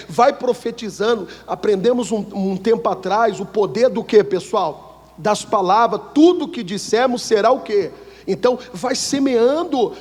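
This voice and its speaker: A man's voice: sits high, a little mellow, breathy edge, in a large hall. A man with a Brazilian Portuguese accent preaching a sermon as pastor, prompting the congregation to answer his questions. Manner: call-and-response preaching, asking the congregation to answer. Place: church hall.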